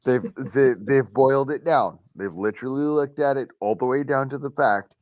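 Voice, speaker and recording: A man's voice: medium pitch, normal speed, darkish tone, no room sound. A man with an Arkansas accent chatting casually, insistent and repeating himself for emphasis. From United States, Arkansas. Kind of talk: casual chat.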